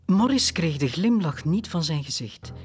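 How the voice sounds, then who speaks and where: A man narrating a children's story audiobook in a calm, expressive storytelling manner. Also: a little high, moderate pace, faint music behind.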